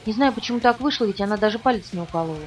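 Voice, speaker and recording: A woman's voice: medium pitch, lively intonation, very fast, lightly acted. A woman reading an audiobook, voicing a nervous, frightened teenage boy in a shaky, anxious way. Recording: distant, muffled, soft music.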